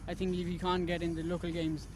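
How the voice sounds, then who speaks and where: A man's voice: high-pitched, completely flat delivery, quick pace, darkish tone, a little hiss or hum. A man from Pakistan, a cricket player, answering interview questions outdoors, hesitant and repeating words.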